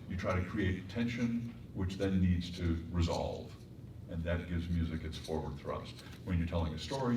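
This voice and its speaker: This very deep-voiced man from Colorado, United States, is a voice actor and composer telling wry, reflective stories on a performing arts center stage during a panel. The recording is echoey, with a distant mic and a faint hum in the hall.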